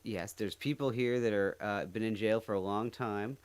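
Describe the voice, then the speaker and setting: Guy doing casual stream commentary, kinda low voice, rambly and jokey. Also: clean tone. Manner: rambling, halting, joking. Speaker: host of a reaction channel.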